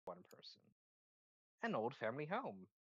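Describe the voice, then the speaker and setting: A man's voice: mid-range voice, wildly swooping pitch, normal speed, slightly rough, no room sound, muffled recording. A man running an online tabletop game as game master. He stops and restarts his sentences while he recaps.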